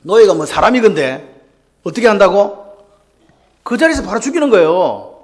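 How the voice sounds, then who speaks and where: Male pastor, very high voice with wide swings, preaches with call-and-response questions. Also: big pitch swings, moderate pace. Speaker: senior pastor. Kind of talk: Sunday morning sermon.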